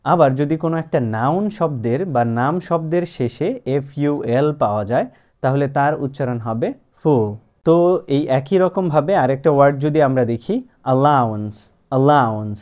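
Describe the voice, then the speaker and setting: A man teaching a spoken lesson, explaining step by step and patiently repeating example words slowly and clearly. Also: medium pitch, darkish tone. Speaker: English teacher. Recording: dull lo-fi sound.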